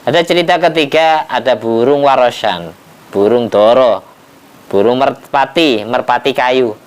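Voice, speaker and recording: A man's voice: medium pitch, moderate pace, clear, resonant tone. Resonant, folksy male preacher. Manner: folksy, teasing, repeats phrases for emphasis. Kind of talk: sermon, explaining Quran commentary.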